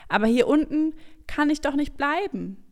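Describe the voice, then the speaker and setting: A frightened stranger sheep from a children's storybook, pleading to be helped up out of the flood, as a woman puts it on. the voice sits a little high and rises when upset. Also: expressive, moderate pace. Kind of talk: storybook read-aloud.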